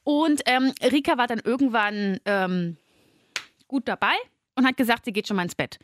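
A woman co-hosting a casual chat, telling lively anecdotes with lots of fillers. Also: a little high, normal speed, slight background noise. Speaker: podcast co-host.

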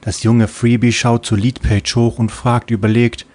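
A man's voice: medium pitch, level tone, normal speed, darkish tone. A man narrating a comic audiobook in a playful storytelling manner.

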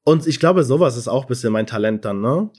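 A man's voice: medium pitch, lively intonation, fast, a little mellow, slightly rough. Male guest, easygoing, explains at length, everyday voice. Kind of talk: casual chat.

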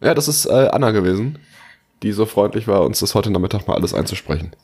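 A man co-hosting a podcast who runs a quiz in casual chat, explaining in a relaxed, rambling way with fillers. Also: fairly low pitch, quick pace, a little hiss or hum. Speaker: podcast co-host running a quiz.

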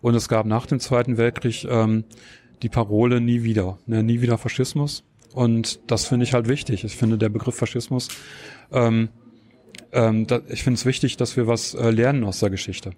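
A man answering interview questions, explaining at length and pausing often with fillers and tag questions. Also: medium pitch, level tone, darkish tone. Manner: hesitant, many filler sounds and tag questions. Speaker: interview guest.

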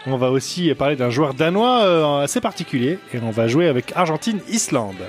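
A man's voice: fairly high pitch, sing-song, fairly quick, soft background music. Teasing man co-hosting a podcast. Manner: teasing, playful, laughs a lot. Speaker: co-host. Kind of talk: casual football podcast banter. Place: live recording before a small audience.

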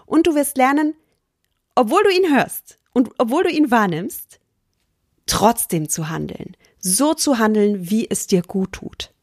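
A woman life coach giving an earnest, emphatic motivational course pitch. She slows down and sometimes drops to a whisper to stress a point. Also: lively intonation, dry recording, studio quality.

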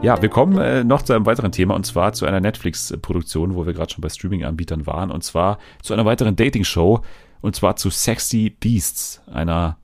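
A man's voice: low voice, a little fast, faint music behind. A man hosting a casual talk show, chatting loosely about TV and streaming with many fillers and restarts. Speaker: podcast host.

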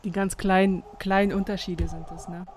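A woman hosting a podcast in a relaxed, encouraging way. Her voice is mid-pitched and chatty. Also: normal speed. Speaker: podcast host. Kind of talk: casual interview.

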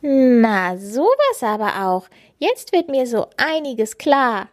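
A woman voicing Schnüffelo, a boisterous, excitable male creature in a children's audio story. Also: slow pace. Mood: amazed. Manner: loud, exclaiming, high put-on voice.

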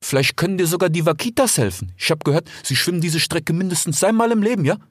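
Man doing a husky, sing-song desert fox hustler, buddy-buddy and persuasive; lively up-and-down delivery. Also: a little high, fast talker, no echo, studio quality. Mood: coaxing. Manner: chatty, keeps tagging "ja?" and "ich schwör". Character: smooth-talking male desert fox, chummy and persuasive. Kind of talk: audiobook character voice.

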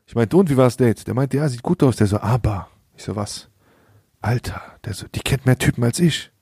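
Lachender junger Mann, lässiger Slang. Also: male voice, medium pitch, animated, fairly quick, dark tone, breathy edge, dry recording, studio quality. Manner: slangy, laughs often, acts out quoted dialogue. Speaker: podcast host. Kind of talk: casual storytelling chat.

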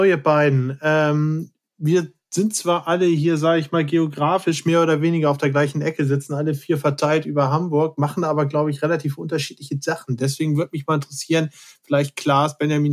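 Slightly high-voiced man hosting a podcast. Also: level tone, a little fast. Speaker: podcast host. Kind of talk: casual moderating.

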